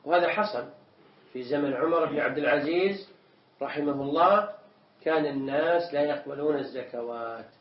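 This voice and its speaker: A man teaching as a sheikh, explaining religious texts in a measured way, often repeating words as he explains. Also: a little high. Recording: echoey room, distant mic, dull sound.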